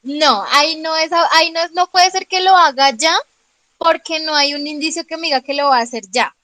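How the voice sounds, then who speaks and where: A woman's voice: high voice, a little fast, sharp tone, no room sound, poor audio. A woman teacher explaining grammar in an online class, patiently checking understanding with frequent questions and calling on students by name. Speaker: English teacher.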